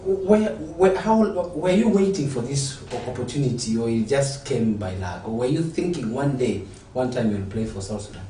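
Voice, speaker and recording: A man's voice: medium pitch, animated, normal speed, hardly any pauses, mellow, far from the mic, a little hiss or hum. A male talk show host asking a football player questions, often repeating words as he goes. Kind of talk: studio interview. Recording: echoey room, off-mic, faint ambience.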